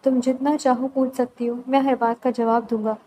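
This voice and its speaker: An earnest young husband, soft-spoken and reassuring, pleading gently in a storybook romance, read by a woman in her own high voice. The delivery stays calm and even. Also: slight background noise, lightly acted, low-quality recording. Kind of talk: novel read aloud.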